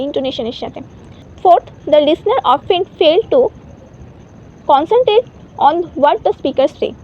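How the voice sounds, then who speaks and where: Woman teacher, high voice, exam-prep lesson, slow reading of English points, muffled lo-fi sound. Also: a little mellow, slight background noise. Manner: reads English points slowly, then explains them.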